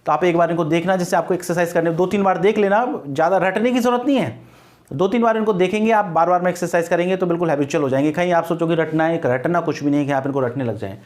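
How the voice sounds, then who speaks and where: Male online grammar teacher, high-pitched, patient and reassuring, spells words aloud. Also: quick pace, a little mellow. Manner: mixes English terms into his talk.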